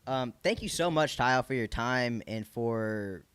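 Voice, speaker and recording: A man's voice: mid-range voice, expressive, a little slow, a bit bright, smooth, no echo. Male podcast host, Michigan accent, informal and encouraging, slangy interview chat, close dry sound.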